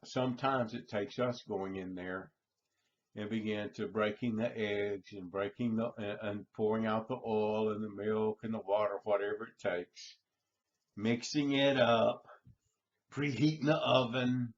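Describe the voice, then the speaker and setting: A middle-aged man, preaching a sermon in a slow storytelling manner and repeating his phrases. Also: fairly low pitch, steady tone, a little hiss or hum. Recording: dull lo-fi recording.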